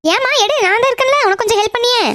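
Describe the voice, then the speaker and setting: A woman's voice: very high voice, very fast, fairly bright tone, pitched above the performer's own voice. A woman voicing a greedy, scheming middle-aged aunt in a cartoon, muttering her plots to herself. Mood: coaxing. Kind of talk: cartoon voice acting.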